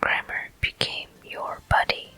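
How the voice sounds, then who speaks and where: Over a game walkthrough, a gameplay host whispers calm ASMR explanations, speaking in short phrases and leaving pauses between them.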